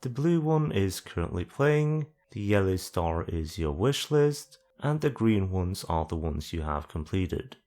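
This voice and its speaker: Speaking at a measured pace with few pauses, a man with a low-pitched, darkish and very animated voice walks viewers through an on-screen explanation. His style is plain-spoken and dry, punctuated by self-deprecating remarks.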